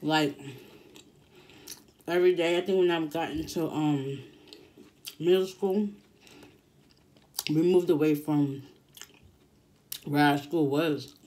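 A woman's voice: low voice, fairly even intonation, takes it slowly, long pauses, dark tone. Casual woman chewing while talking, faint noise. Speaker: mukbang vlogger. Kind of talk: casual chat while eating. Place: small indoor room, seated at a table.

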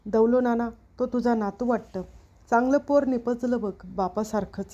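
A woman's voice: on the high side, steady tone, moderate pace, dark tone, highs cut off, natural voice. Chandu Attar, a woman voicing a jovial teasing villager. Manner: teasing, rustic banter.

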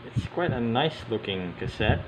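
Indoors at a tabletop, a man hosting a hobbyist video offers unscripted, casual show-and-tell commentary in a medium-pitched voice. He's hesitant and halting, frequently pausing in mid-sentence. Clicks from handling and a loud, steady air-conditioning hiss sit in the background.

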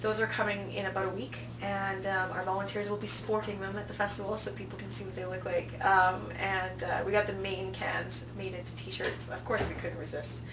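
Her delivery is flat and fairly quick, in a mid-range voice with hardly any pauses. She is a woman in her thirties, a festival programming director appearing casually as an interview guest, recounting anecdotes and performing quoted remarks. The small indoor office gives a roomy sound, with a distant mic and audible hum.

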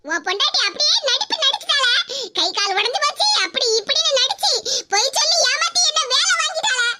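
A sharp-tongued old mother-in-law cartoon figure, scolding and mocking in a Tirunelveli Tamil accent. Her voice sits very high. Loud noise hisses behind the recording. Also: very animated, brisk. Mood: complaining. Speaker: cartoon voice actor.

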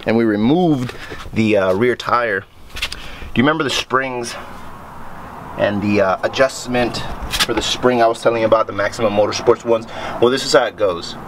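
A man's voice: mid-range voice, normal speed, long pauses, noisy background. A man chatting casually as he works on a car in a garage, explaining each step to the camera as he moves around. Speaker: car project vlogger.

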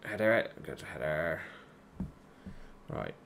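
A man giving live, swearing reaction commentary on a football management game, shouting at his players. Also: a bass voice, animated, slow, gravelly, background noise. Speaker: gaming YouTuber.

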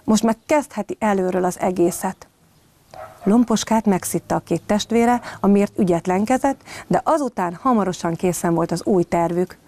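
Woman reading a story to children. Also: mid-range voice. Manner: gentle, addressing young children. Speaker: kindergarten teacher. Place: at home.

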